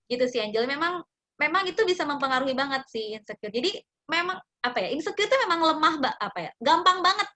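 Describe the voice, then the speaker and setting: A woman psychology practitioner talking casually to a youth group, animated and acting out quoted speech. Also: high-pitched, fast. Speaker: guest speaker, psychology practitioner.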